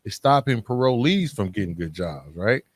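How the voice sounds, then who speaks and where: A podcast host speaks in a lowish, lively male voice at a normal pace, with no room sound. He's earnest and informal, tossing in casual asides and often saying "man" and "you know."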